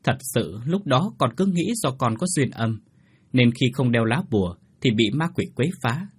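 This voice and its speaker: A man voicing a remorseful young wife, pleading softly. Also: medium pitch, expressive, moderate pace, slightly rough, no room sound.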